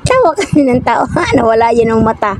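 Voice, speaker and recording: A woman's voice: on the high side, very animated, a little fast. A young woman giving casual reaction commentary, giggling and trying not to laugh as she talks. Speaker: reaction video creator. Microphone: phone at arm's length. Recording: noisy home phone recording with clicks.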